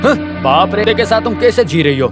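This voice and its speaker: A man dubbing a furious, cheated man into Hindi, shouting threats and demanding money. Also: high voice, lively intonation, moderate pace, over loud music. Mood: angry.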